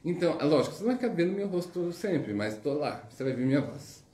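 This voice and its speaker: A man's voice: a little high, big pitch swings, fast, warm tone. A man with a Brazilian Portuguese accent teaching informally through a story, chatty and digressive, with frequent tag questions. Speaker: spiritual teacher. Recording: roomy echo, faint music.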